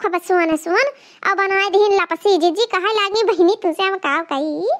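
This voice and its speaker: A woman plays a cartoon mother-in-law, an old village woman who nags and complains without end. She speaks with a broad Awadhi accent in a very high, shrill voice and a slow, drawn-out delivery. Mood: scolding. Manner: loud, nagging, complaining. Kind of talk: cartoon comedy voice acting.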